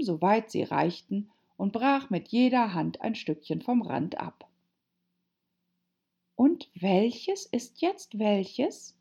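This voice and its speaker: A woman narrating a storybook with expressive, lively delivery, on a dull lo-fi recording. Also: on the low side, breathy edge. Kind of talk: storybook reading.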